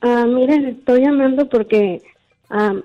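A woman's voice: on the high side, measured pace. A woman phoning in to a radio show, casually and hesitantly explaining herself. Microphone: phone. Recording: dull phone-in line, music behind.

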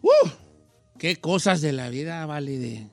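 A man's voice: fairly high pitch, a bit bright, no room sound, soft background music. A man from Guadalajara with a Mexican accent, hosting a joking radio talk show in a teasing, playful way. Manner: teasing, playful, quick to joke.

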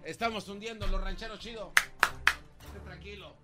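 A man, playing a pushy, excitable lawyer in an improvised comedy court sketch. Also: high-pitched, normal speed.

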